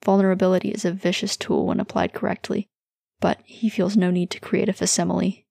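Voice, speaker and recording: A woman calmly reading fan fiction aloud as the narrator. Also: fairly low pitch, fairly quick, gravelly, no echo, clean studio sound.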